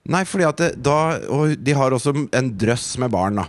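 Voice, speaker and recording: A man's voice: medium pitch, expressive. A man, co-hosting a podcast and telling a story in an indignant, profane way. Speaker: podcast co-host. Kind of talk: casual chat.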